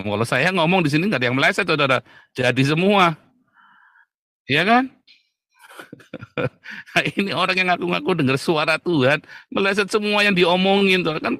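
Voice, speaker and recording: A man's voice: on the high side, pushed and bright, no echo. A man preaching to an audience in a blunt, mocking tone, often laughing at the people he criticizes. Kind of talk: combative preaching talk.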